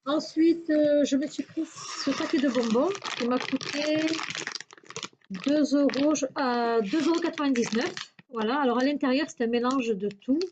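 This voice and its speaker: A woman chats through a casual shopping haul video as a YouTuber, hesitant and searching for words with lots of fillers. Her high voice comes at a moderate pace, and the sound is lo-fi with a noisy background.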